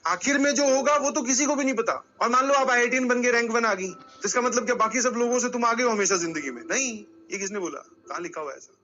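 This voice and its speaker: A man's voice: very high-pitched, fast, few pauses, sharp tone, muffled recording, soft background music. A male coaching teacher giving a motivational lecture to students. He tells stories and talks to them directly, scolding them at times.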